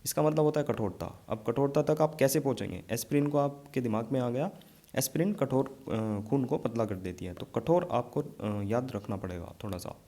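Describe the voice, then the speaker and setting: A man's voice: mid-range voice, expressive, moderate pace, dark tone. A man teaching an exam vocabulary lesson, explaining memory tricks and checking in often with his students.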